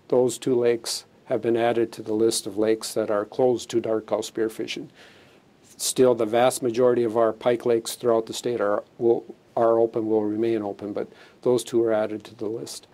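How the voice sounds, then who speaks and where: A middle-aged fisheries chief explains new regulations in a studio interview, speaking plainly and matter-of-factly with fillers and restarts. His mid-range voice has a warm tone, picked up on a lapel mic on an indoor studio set.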